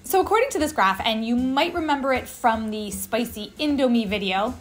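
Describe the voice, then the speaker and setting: A woman in her thirties hosts a casual home food vlog, talking in an enthusiastic, chatty way. Her voice sits a little high. Soft music plays underneath. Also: expressive, a little fast. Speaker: host. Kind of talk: casual upbeat vlog narration.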